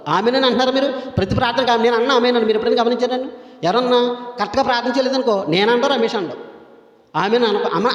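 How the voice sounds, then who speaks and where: A male pastor preaching a sermon in a church hall, teaching in a conversational way and firing rhetorical questions at the congregation. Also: sits high. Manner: conversational teaching with everyday examples. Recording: echoey hall.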